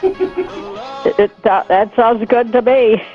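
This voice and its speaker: A woman's voice: fairly high pitch, sing-song, very slow, lo-fi sound, faint music behind. A woman calling in to a radio show by phone, answering in short, laid-back replies. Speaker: caller. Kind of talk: casual phone-in chat.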